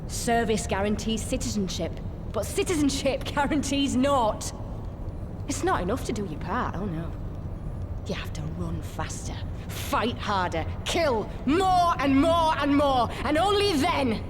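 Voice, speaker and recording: A woman's voice: high voice, expressive, long reverb tail, background noise. A woman playing a bitter, unrepentant soldier in a video game, delivering a grim and defiant villain monologue. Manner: grim, defiant, deliberate rhetoric. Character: bitter, unrepentant female soldier turned imperial collaborator.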